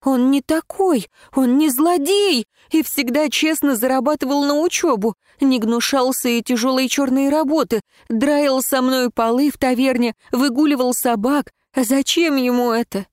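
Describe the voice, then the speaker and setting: A woman reading first-person fiction aloud in an expressive, emotional way. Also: high-pitched, normal speed, few pauses, no echo, studio quality. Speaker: audiobook narrator.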